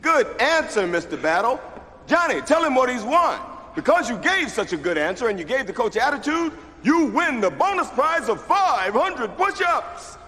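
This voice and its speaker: An American actor playing a stern, middle-aged basketball coach in a film, mocking like a booming prize announcer. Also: male voice, big pitch swings, normal speed, pushed and bright, full character voice. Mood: mocking, showy. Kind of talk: film drama acting. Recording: echoey gym hall, film clip with noise.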